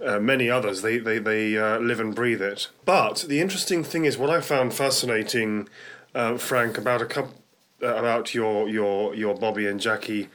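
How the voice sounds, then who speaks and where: A man's voice: lowish voice, fairly even intonation, moderate pace, fairly bright tone. Hesitant British man hosting talk radio. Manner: hesitant, rambling delivery with repeated words. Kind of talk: conversational radio interviewing.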